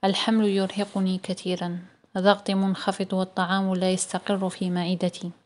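A woman reading the lines of a tired, pregnant young woman in an audiobook story, soft and weary. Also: mid-range voice, level tone, a little fast, close to an everyday voice.

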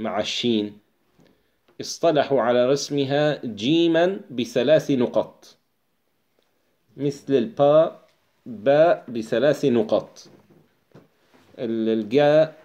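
A man reads a classical text aloud and explains it as a teacher would, measured and unhurried, with pauses and filler sounds. His voice is mid-range and a little mellow.

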